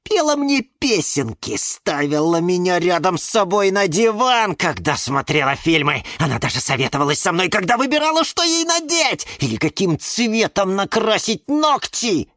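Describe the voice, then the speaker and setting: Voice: mid-range voice, sing-song, normal speed, hardly any pauses, fairly bright tone, dry recording, studio quality, voice pushed up. A reader voicing a jealous, spiteful female houseplant in a children's audiobook, snide and mocking. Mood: resentful. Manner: snide, mocking, shifting between shrieks and hisses.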